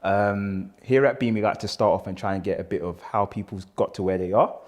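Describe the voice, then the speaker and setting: A man's voice: lowish voice, fairly quick, a little mellow. Laid-back young male podcast host. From Ghanaian heritage. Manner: laid-back, slangy, laughs easily. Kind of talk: casual interview hosting.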